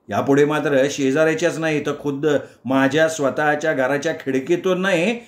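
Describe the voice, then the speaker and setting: Expressive male storyteller, echoey room. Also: a little high. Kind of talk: dramatic story reading.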